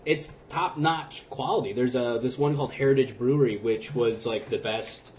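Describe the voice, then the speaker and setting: A man's voice: mid-range voice, normal speed, slight background noise. Easygoing man chatting on a podcast. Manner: relaxed, rambling with fillers. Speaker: podcast co-host. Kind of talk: casual chat.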